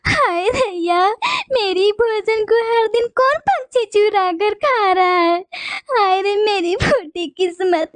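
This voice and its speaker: A woman's voice: very high voice, darkish tone, no echo. A woman voicing a hard-working female sparrow in a cartoon, wailing and lamenting.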